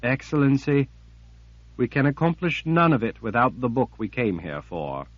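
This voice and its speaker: A man's voice: mid-range voice, moderate pace, dry recording, voice pushed up, lightly acted. A man voicing a frightened woman sorceress who pleads in a strained way. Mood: pleading. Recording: dull lo-fi recording.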